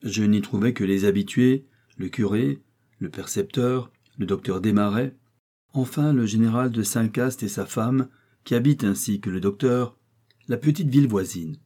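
A man narrates a classic novel in a measured, even audiobook reading. His voice sits low, with a dark, mellow and slightly husky tone. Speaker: audiobook reader.

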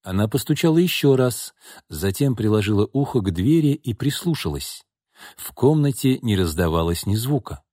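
A man narrating an audiobook in a scripted, expressive, dramatic reading. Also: fairly low pitch, moderate pace, dry recording, studio quality.

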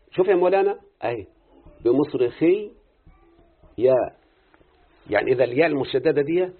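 Egyptian male teacher, brisk questioning delivery, husky, tinny phone-like audio. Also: medium pitch. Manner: quick explaining, checking understanding with questions. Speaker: teacher of Quranic readings and grammar. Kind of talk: live lesson with a student.

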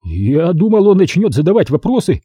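A twitchy, anxious gunman whose voice rides high and tight, as a male narrator puts him on. The reading has a lively, swinging pitch and a soft, husky tone. The sound is dry and close. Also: fairly quick, no room sound. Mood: jumpy. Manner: anxious, jittery.

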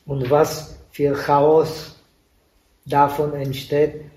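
A Buddhist monk gives a dharma talk in a roomy hall, picked up by a microphone set some distance away. His mellow voice stays flat and unhurried. He speaks halting, non-native German full of pauses and fillers. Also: on the high side. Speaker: Buddhist monk teaching meditation. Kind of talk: dharma talk at a meditation retreat. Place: retreat meditation hall. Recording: echoey room, voice from a distant mic.

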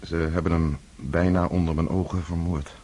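An earnest, reflective Pierre, fresh from captivity. His voice sits very low and carries a husky grain. He speaks with an emotional weight. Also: level tone, normal speed, dark tone. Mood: grave. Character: Pierre, earnest man back from war captivity. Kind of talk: radio drama acting.

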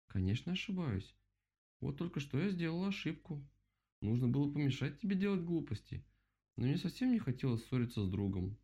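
A man voicing a calm, wise and kind female bear in a storybook, speaking gently and reassuringly. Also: on the high side, brisk, slightly rough, voice pushed up, full character voice.

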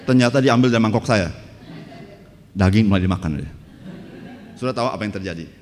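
A man's voice: fairly low pitch, a little fast. A male pastor, preaching a sermon through humorous stories and asking the congregation "right, brothers and sisters?". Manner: grows louder and more fervent in preaching. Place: church hall. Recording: church hall reverb, faint background noise.

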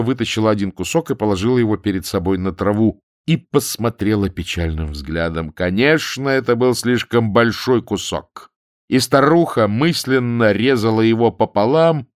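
A man narrating a humorous novel as an audiobook reader, with a wry, expressive storytelling manner. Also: lowish voice, dry recording, studio quality.

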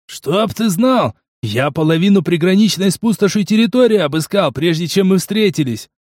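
A man reading the part of a gruff, sarcastic male mercenary partner in an audiobook. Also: high-pitched, animated, moderate pace, a little mellow, dry recording, studio quality, pitched above the performer's own voice.

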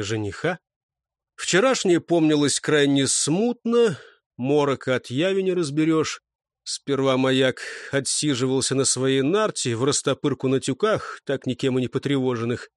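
A man reading a novel aloud as an audiobook narrator, in measured storytelling that acts out the dialogue. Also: a little high, no echo, studio quality. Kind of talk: scripted narration.

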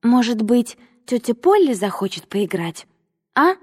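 A woman voicing a bubbly, high little girl. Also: very animated, unhurried, slightly rough, heavily acted. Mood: earnest. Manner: bubbly, breathless enthusiasm. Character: cheerful eager little girl. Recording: long reverb.

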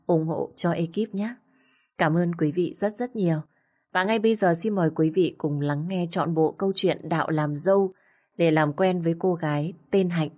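A woman narrating a story in a soft, measured, quiet voice. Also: on the low side.

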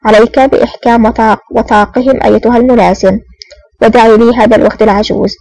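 A woman's voice: fairly high pitch, fairly even intonation, fast talker, darkish tone, low-quality recording. A woman voicing a cool, sardonic male intelligence officer in disguise in an audiobook, mocking and self-assured.

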